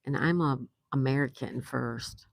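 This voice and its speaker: Reading viewer comments aloud and laughing a lot, this older woman from New York runs a casual livestream on an outdoor patio. She has a very deep, creaky voice and speaks at a measured pace. The recording is dry.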